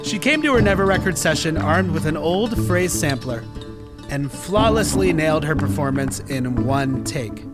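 A man's voice: on the high side, lively intonation, normal speed. A man hosting a music session, introducing a live song and back-announcing it, speaking directly to the listener. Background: music playing.

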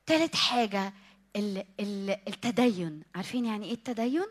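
A middle-aged woman with an Egyptian accent preaching to a youth meeting, animated, acting out her listeners' excuses and dropping to a hushed whisper when she prays. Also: medium pitch, brisk. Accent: Egyptian Arabic. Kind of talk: sermon.

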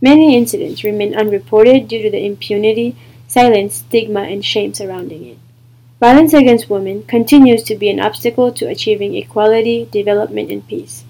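A young woman intern hosting a podcast, reading a measured, scripted introduction and questions. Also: medium pitch, dark tone, rough recording. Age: young adult. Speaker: intern, show host.

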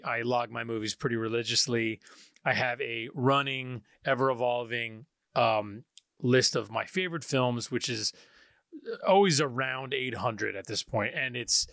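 A man's voice: mid-range voice, normal speed, pushed and bright, dry recording, clean studio sound. A man hosting a film podcast, chatting casually and teasing his co-host in a playful way.

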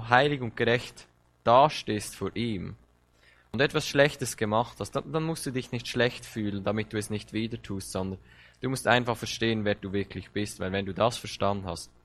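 A man's voice: medium pitch, fairly bright tone. A man preaching a sermon, speaking straight to his listeners, repeating words and pressing his points with passion. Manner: impassioned, direct address with rising emphasis and repeated words.

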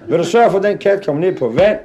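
A man's voice: high-pitched, lively intonation, crowd noise, pitched above the performer's own voice. A man voicing his stingy old shopkeeper father, who grumbles in a dry way. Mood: grumbling.

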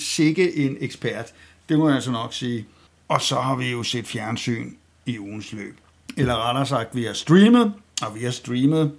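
A man's voice: medium pitch, creaky, breathy edge. A man hosting a weekly satirical news roast, mocking and ironic, rambling with fillers and restarts.

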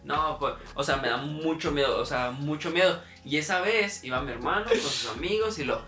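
A man's voice: a little high, moderate pace, echoey room, recorded from a distance, music in the background. A young man with a Mexican Spanish accent, telling stories animatedly and laughing often in a casual podcast chat. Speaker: podcast co-host.

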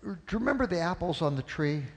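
Animated preacher man in a big hall. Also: high voice, brisk. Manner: animated storytelling, acts out scolding a child. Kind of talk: sermon with live interpretation. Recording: long hall reverb.

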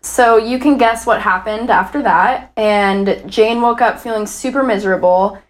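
A woman's voice: fairly high pitch, moderate pace. A woman co-hosting a true-crime chat, talking casually and reacting with lots of fillers. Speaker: podcast co-host.

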